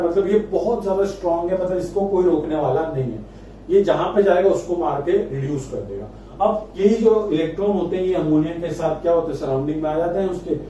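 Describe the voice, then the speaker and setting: A man's voice: on the high side, dark tone. A man teaching chemistry in speech, coaxing students and answering his own questions. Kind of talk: classroom lecture. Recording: echoey room, distant mic, faint noise.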